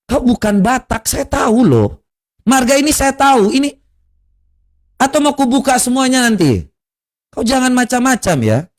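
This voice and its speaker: A man with a notably high voice delivers a heated social media rant. He scolds and taunts, firing off rhetorical questions and letting out mocking laughs as he goes. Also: expressive, moderate pace, pauses often. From Kupang, East Nusa Tenggara, Indonesia. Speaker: online religious commentator.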